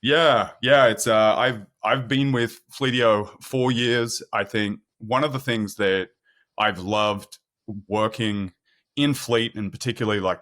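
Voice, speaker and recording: Fairly low in pitch with a fairly bright tone, this Australian man in his thirties is a guest on a laid-back podcast interview. He works as a product marketing manager and talks amiably, frequently doubling up on words at the start of a thought.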